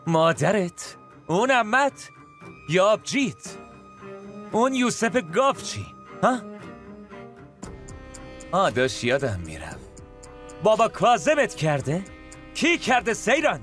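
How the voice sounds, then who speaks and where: A bitter young husband, sarcastic and accusing, whose high, lively voice jumps around as he fires question after question. Soft music plays underneath. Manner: sarcastic, accusing, rapid-fire rhetorical questions. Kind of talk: Persian dub of a TV drama.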